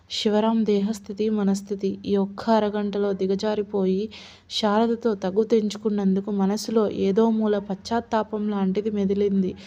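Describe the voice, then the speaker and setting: A woman narrating an audiobook story with a steady, even reading and a dull lo-fi sound. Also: medium pitch.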